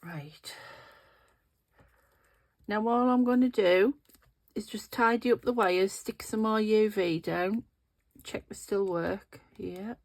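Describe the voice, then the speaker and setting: A sniffly, nasal middle-aged woman talks at a medium pitch and slow pace as she hosts a resin craft video. She's chatty, thinking aloud as she works with her hands through the tutorial.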